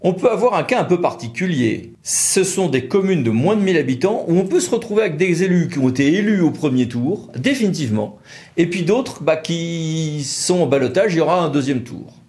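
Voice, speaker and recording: His voice is a little high and darkish in tone, brisk with lively intonation. A French-accented man explains the law informally for a law firm's video series, raising questions and answering them plainly.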